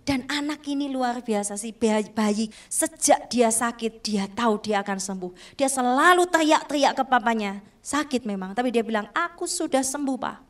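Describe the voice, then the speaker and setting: High-voiced woman preaching a sermon. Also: moderate pace, few pauses. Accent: Indonesian. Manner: emotional storytelling, often addressing listeners as "saudaraku". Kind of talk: sermon with testimony storytelling.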